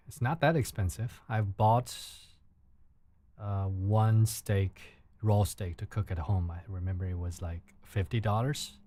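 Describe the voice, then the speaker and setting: The host of this late-night livestream is a young Chinese man, a native Mandarin speaker, chatting casually indoors at home. His accented English comes with frequent repeated words as he searches for vocabulary, delivered in a fairly low, dark voice.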